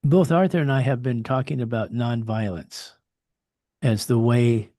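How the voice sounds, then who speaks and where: A man's voice: mid-range voice, a little slow, dark tone, no room sound, clean studio sound. A man hosting a podcast interview, asking his guest questions in an inquisitive manner. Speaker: host.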